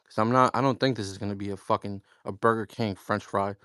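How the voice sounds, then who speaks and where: A man with a smooth, resonant voice talks in a loose, profane, slangy way, calling listeners bro and dude. He tells stories in a lively way and acts out both sides of a conversation. The sound is dry and close, with no room around it. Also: on the low side, fast, no echo. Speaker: crypto project founder. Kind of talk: casual chat on a live audio space.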